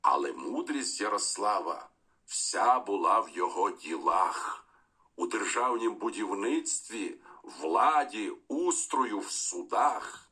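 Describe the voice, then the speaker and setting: A man giving an expressive, declamatory reading of a poem for a school lesson. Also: on the low side, takes it slowly, breathy edge. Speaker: poetry reader. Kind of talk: expressive poetry recitation.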